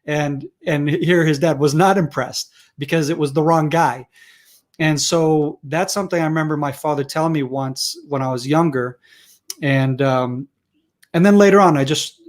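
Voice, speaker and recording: A middle-aged man born and raised in Israel, talking through his story as an interview guest, with lots of restarts and fillers. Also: fairly high pitch. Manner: rambling, frequent restarts and fillers. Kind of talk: conversational interview.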